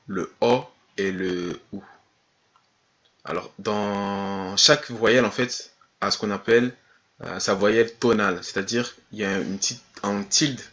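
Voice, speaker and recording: A man teaching a language lesson online. He speaks slowly and carefully, repeats each sound three times and pauses with fillers when he explains. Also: on the low side, a bit bright. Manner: hesitant explanations with fillers and restarts.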